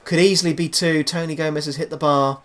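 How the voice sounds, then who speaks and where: A man commentating over his own football video game, calm and low between plays and bursting into loud excitement at goals. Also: quick pace. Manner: excitable, shouts goals then drops to a low murmur. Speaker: gaming YouTuber.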